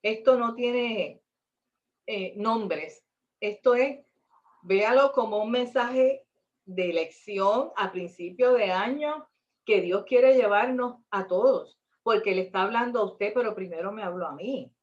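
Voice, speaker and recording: A woman's voice: medium pitch, unhurried, highs cut off. A woman teaching a Bible class in an earnest, emphatic way, asking rhetorical questions.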